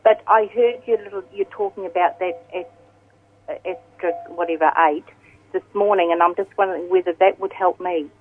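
A woman's voice: fairly low pitch, fairly even intonation, moderate pace, breathy edge, no echo. A woman calling a radio phone-in and asking a question conversationally. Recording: muffled, narrow telephone line.

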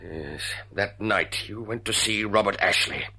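A man's voice: on the low side, measured pace, bright, forceful tone, breathy edge, exaggerated voice. An actor playing an embittered, tormented father in a radio drama, speaking and narrating with grave, dramatic intensity. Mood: urgent, pleading. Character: embittered, tormented father haunted by a blood feud.

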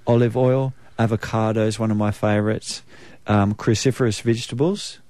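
A man with a New Zealand accent speaking as a naturopath guest, explaining in a measured way with frequent ums. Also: lowish voice, little pitch movement, warm tone, clear, resonant tone, dry recording. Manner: measured, explanatory, many um fillers. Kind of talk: conversational expert interview.

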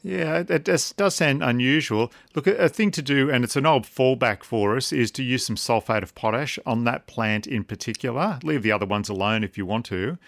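A man's voice: medium pitch, brisk, vocal fry, hardly any pauses, a bit bright, no echo, clean studio sound. An Australian man chatting casually and informally as a gardening expert on a radio call-in. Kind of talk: casual advice chat.

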